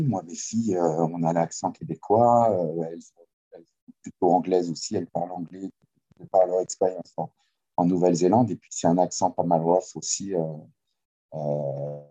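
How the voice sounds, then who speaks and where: A middle-aged kayak coach from France, whose French accent carries a slight Quebec tinge, speaks hesitantly with many fillers in a casual remote interview. His voice is low, dark, and husky, and the video call audio is muffled.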